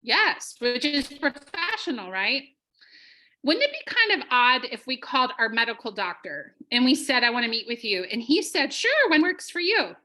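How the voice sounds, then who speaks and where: Bright, high-voiced woman sales coach. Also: normal speed, low-quality recording. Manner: energetic, drills phrases with the group. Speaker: sales trainer. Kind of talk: live online sales training.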